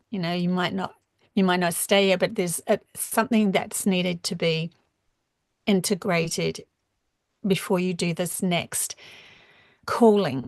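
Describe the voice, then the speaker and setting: A woman with a New Zealand accent giving a rambling live-stream spiritual talk, full of halting restarts. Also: lowish voice, dry recording, studio quality. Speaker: spiritual channeler.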